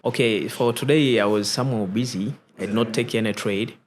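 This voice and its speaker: A man's voice: lowish voice, a little fast, slight background noise. Man, Swahili speaker. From Tanzania. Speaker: guest, trading educator.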